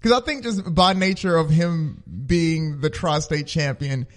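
High-voiced man quipping in banter. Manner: quick, quipping reactions. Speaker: podcast co-host. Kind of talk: casual comedic banter.

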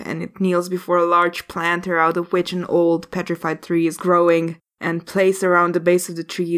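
A woman running a tabletop game as game master, with measured, descriptive narration. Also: lowish voice.

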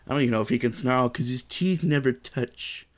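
A man's voice: mid-range voice, a little fast. Sweary man reading aloud for laughs. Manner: sweary, wry, breaks into dramatic reading. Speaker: podcast co-host reading aloud. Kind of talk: casual comedic read-aloud.

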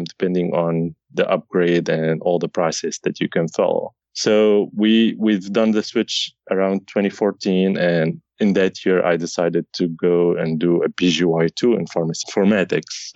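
A man's voice: deep voice, no echo, highs cut off. A man in his thirties from Syria, a guest on a podcast interview, talking earnestly and often restarting his sentences. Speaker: guest, informatics pharmacist.

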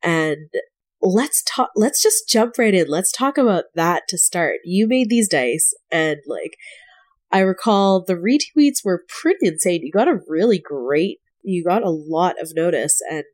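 A woman's voice: lowish voice, animated, a little slow, darkish tone. Stuffed-up woman hosting a casual podcast. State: stuffed up with a cold. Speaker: podcast host. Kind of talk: casual interview.

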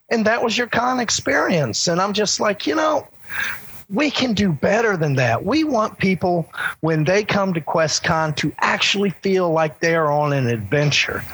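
A man's voice: a little high, fairly bright tone, slightly rough, no echo, poor audio. A man organizing a convention, talking eagerly in a casual interview, rambling with restarts.

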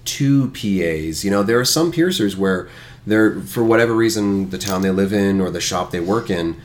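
A man's voice: on the low side, expressive, moderate pace. A man hosting a casual podcast conversation, talking in long runs and making jokes.

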